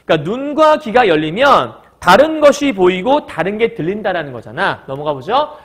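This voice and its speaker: Male literature teacher, high and lively voice, lectures by firing questions at the class and answering them. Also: normal speed, slightly rough. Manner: breaks into short acted quotes of characters.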